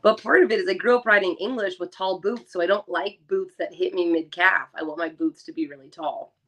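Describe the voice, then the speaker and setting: A woman with a moderately low voice co-hosts a podcast. She chats casually, with informal, laid-back wording, in the style of an everyday conversation. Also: fairly even intonation, a little fast, fairly bright tone. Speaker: podcast co-host. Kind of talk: casual chat.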